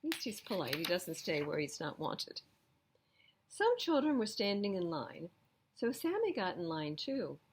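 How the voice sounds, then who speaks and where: Very animated yet unhurried, a woman with a fairly low voice reads a picture book to kids at a library storytime. She explains the pictures and makes gentle conversational remarks to the young listeners, with slight background noise.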